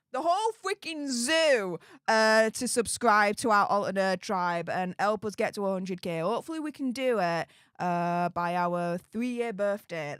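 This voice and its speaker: This is a YouTube host from Yorkshire, England, chatting casually on a livestream while reading viewers' comments aloud. She speaks at medium pitch with a slightly bright voice, and the clean studio audio has no room sound.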